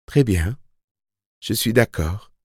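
A man's voice: fairly low pitch, animated, slow pace, darkish tone, breathy edge, no echo, studio quality, full character voice. A man voicing a wary young woman in labor pain, speaking guarded and bitter.

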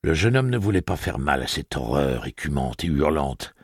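A man narrating an audiobook with an expressive, dramatic reading. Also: extremely low pitch, normal speed, slightly rough, no room sound, clean studio sound. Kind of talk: scripted narration.

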